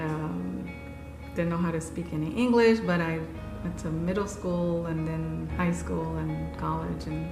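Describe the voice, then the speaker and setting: A woman in her forties from Haiti, earnestly recounting her life in an unhurried interview. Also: fairly low pitch, fairly bright tone. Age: 40s. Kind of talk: personal recollection. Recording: echoey room with music underneath. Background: music.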